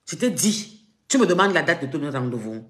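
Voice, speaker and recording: A woman's voice: low voice, big pitch swings, normal speed, fairly bright tone, echoey room. A woman with a Cameroonian French accent, ranting on a live stream in a taunting, mocking, threatening way. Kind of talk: confrontational live-stream rant.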